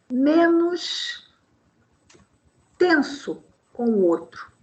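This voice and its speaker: A Brazilian woman giving a spiritist public talk, acting out quoted voices and asking rhetorical questions. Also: sits high. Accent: Brazilian Portuguese. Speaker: spiritist lecturer.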